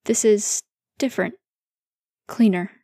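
A woman's voice: medium pitch, steady tone, takes it slowly, mellow, dry recording, studio quality. A woman voicing a guarded, weary male investigator who talks bluntly. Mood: curious.

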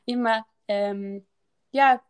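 A young woman with an Austrian accent tells a story in casual chat. Her voice sits slightly high, and she rambles with many restarts and fillers. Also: extremely slow, clean tone. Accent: Austrian German. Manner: lively, rambling anecdote-telling with restarts.

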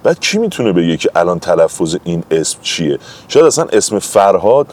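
A man's voice: deep voice, big pitch swings, a little mellow. A man talking as a guest in a casual conversation, telling anecdotes in an emphatic, chatty way.

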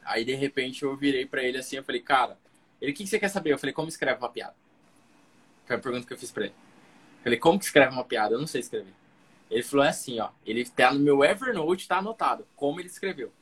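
A man's voice: mid-range voice, lively intonation, very fast, a bit bright, husky. A young man from Cuiabá, a guest comedian, telling a long story in casual slang and acting out the other people in it. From Cuiabá, Brazil.

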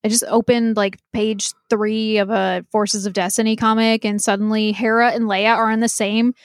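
A woman's voice: medium pitch, little pitch movement, normal speed, dry recording, clean studio sound. A woman co-hosting a podcast in casual conversation. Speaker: podcast co-host. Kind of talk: casual chat. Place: basement.

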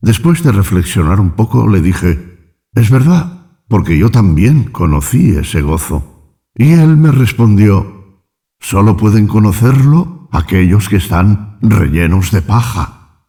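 A man reading fables aloud as an audiobook narrator, slow and measured, voicing the quoted lines in his own manner. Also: fairly low pitch, sing-song, dark tone. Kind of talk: scripted narration.

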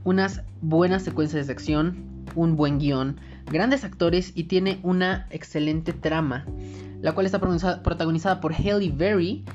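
Lowish voiced woman doing chatty movie and series picks, emphatic, kinda muffled audio w music under it. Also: fairly even intonation, normal speed, a little mellow. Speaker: host recommending movies and series. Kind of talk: casual scripted review, listing recommendations. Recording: dull lo-fi audio with background music.

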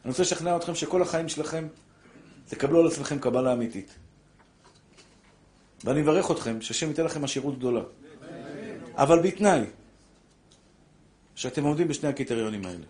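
A man's voice: fairly high pitch, pauses often. Older preacher man, fiery and direct. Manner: animated preaching, addresses listeners as brothers. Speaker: rabbi giving a Torah class. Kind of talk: sermon.

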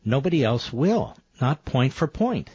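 A man's voice: very animated, measured pace, dark tone, slightly rough, no room sound, dull audio. An American man, a talk radio host, delivering an emphatic infomercial-style read. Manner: emphatic sales pitch, repeating offers and phone number.

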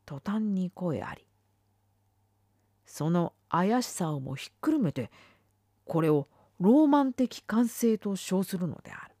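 A woman reading a literary essay aloud, dramatic, swinging between firm declarations and hushed whispers. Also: fairly low pitch, very animated, a little slow, husky, no room sound, clean studio sound. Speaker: reader.

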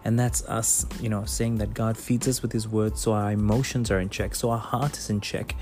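A man giving a conversational devotional Bible teaching, with frequent fillers, slowing down when he reads scripture aloud. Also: on the low side, level tone, a little mellow, soft background music. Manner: conversational, many fillers, slows down to read scripture. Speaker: preacher.

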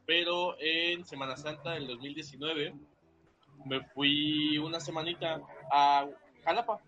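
Bright laid-back Veracruz guy. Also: on the high side, steady tone, unhurried, dull audio. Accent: Veracruz Mexican Spanish. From Veracruz, Mexico. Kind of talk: casual chat.

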